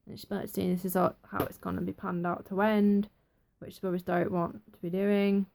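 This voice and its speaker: A young woman giving a chatty, excitable casual review of a TV episode. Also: mid-range voice, normal speed, vocal fry, a little hiss or hum. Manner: chatty, excitable, acts out quotes.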